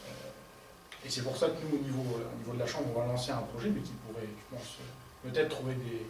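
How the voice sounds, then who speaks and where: A man's voice: mid-range voice, steady tone, fairly quick. A man speaking on a panel, explaining at length with many fillers and self-corrections. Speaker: forestry advisor on a panel. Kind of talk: panel discussion contribution. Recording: distant mic in echoey room, audible noise.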